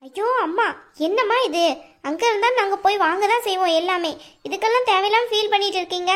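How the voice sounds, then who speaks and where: A woman voicing a dutiful young adult daughter in a cartoon, with a southern Tamil Nadu accent and an earnest, gently scolding manner. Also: extremely high pitch, quick pace. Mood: pleading. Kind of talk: cartoon voice acting.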